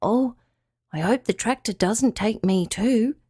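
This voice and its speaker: A woman voicing a gentle, kind male hay bale character in a children's audio story, speaking softly and a little lower than her own voice. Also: unhurried, breathy edge, no room sound, studio quality. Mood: worried.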